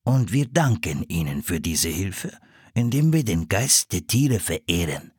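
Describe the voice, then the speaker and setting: A man voicing a kindly, calm seal hunter in a storybook reading, explaining slowly and patiently. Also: deep voice, husky, dry recording, studio quality, pitched below the performer's own voice, heavily acted. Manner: slow, measured, patient explaining.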